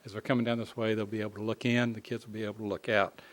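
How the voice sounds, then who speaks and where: A man giving an informal spoken report at a city council meeting, pausing often on fillers and restarting phrases. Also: on the low side, level tone. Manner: halting, frequent uh fillers and restarts. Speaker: city staff presenting a construction update to council.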